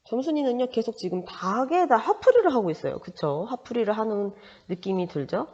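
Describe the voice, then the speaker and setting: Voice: mid-range voice, sing-song, a little fast, a little mellow. Teacher reading aloud in an echoing, dull recording. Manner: explains with frequent rhetorical check-in questions. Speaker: Korean language teacher. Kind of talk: reading a story aloud and explaining it to students. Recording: dull lo-fi sound with long reverb.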